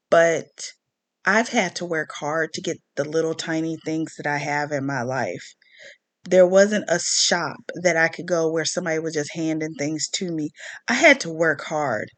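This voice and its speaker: A Southern American woman from the southern United States, hosting online commentary, delivers a casual personal rant in a low voice. She speaks emphatically, repeating phrases for stress, and the recording is dry.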